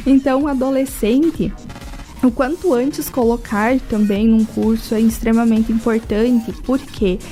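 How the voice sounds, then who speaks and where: With faint music in the background, a language-school guest gives a radio interview in a southern Brazilian accent. Her warm voice is on the high side, with fairly even intonation and an unhurried delivery. She teaches as she explains, frequently using rhetorical questions and check tags.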